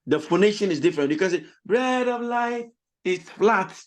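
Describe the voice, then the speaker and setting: A man who is both a pastor and a vocal lecturer runs an online voice class on a video call. His high, animated voice is rough and slightly lost because of a cold, and he explains slowly, repeats himself and bursts into sung demonstrations.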